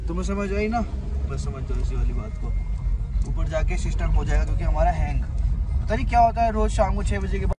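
A man in his twenties vlogs a road trip on a handheld phone, joking crudely with friends and addressing viewers directly, first inside a car on mountain roads and then on a forest trail, where he gets out of breath on a steep climb. His voice is a little high, animated and fairly quick, with background noise.

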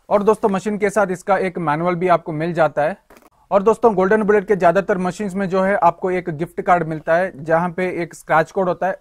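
A young man reviewing tools gives a friendly, hands-on tour of a power tool, covering each part in turn. The close, dry recording has no room echo, and his slightly high voice stays level throughout.

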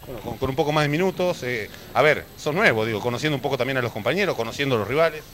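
A man's voice: mid-range voice, animated, rapid-fire, fairly bright tone, slight background noise. A man with an Argentine accent interviewing a basketball player for local TV, asking chatty questions full of fillers. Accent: Argentine Spanish. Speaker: sports reporter interviewing a player.

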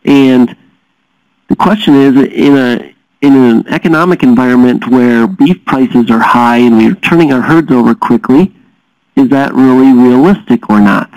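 A man lecturing as a dairy science teacher, explaining steadily and often pausing with "uh" fillers. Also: mid-range voice, a little mellow, no room sound, lo-fi sound. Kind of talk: recorded lecture.

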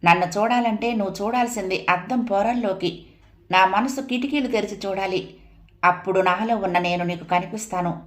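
A woman's voice: mid-range voice, normal speed, lightly acted. A woman reading as a brooding dreamy husband.

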